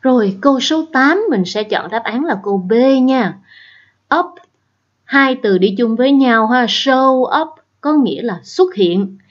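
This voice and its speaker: In a lo-fi recording, a woman teaching English with a Southern Vietnamese accent works through exam questions step by step for her students, checking in with them patiently along the way. She speaks a little slowly, with a fairly high voice and lively intonation.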